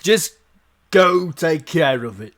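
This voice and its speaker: A man voicing a loud, blustery middle-aged male guard captain in a tabletop game, with slow, drawn-out proclamations. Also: fairly high pitch, animated, vocal fry, voice pushed up, full character voice. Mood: blunt.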